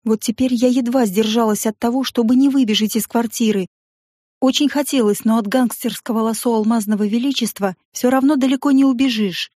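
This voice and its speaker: A woman narrating a first-person audiobook in a lively, wry, ironic manner. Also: fairly high pitch, a little fast, dry recording, clean studio sound.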